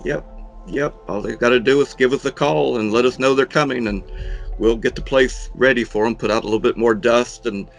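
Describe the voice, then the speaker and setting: A middle-aged man in a casual interview, talking in an unhurried, folksy way with dry humour, as a horror host. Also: mid-range voice, creaky, faint music behind, poor audio. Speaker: horror host and monster museum owner being interviewed.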